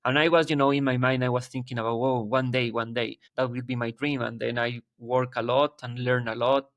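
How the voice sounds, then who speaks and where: Talking a little fast with fairly even intonation, a man in his thirties from Ecuador, a guest wildlife photographer, has a mid-range, fairly bright voice and an Ecuadorian Spanish accent. In this casual, echo-free interview he sounds sincere, often searching for words and starting sentences over.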